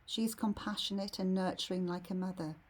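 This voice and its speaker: A woman leading a guided meditation in a serene, soothing, soft and slightly husky voice. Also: medium pitch, steady tone. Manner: serene, unhurried, soothing delivery.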